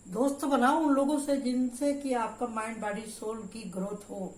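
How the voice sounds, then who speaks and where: An older woman giving a spiritual tarot reading in a loud, emphatic, preachy way, mixing in storytelling. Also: a little high, fairly even intonation, normal speed, far from the mic. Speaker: tarot reader. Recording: roomy echoey room.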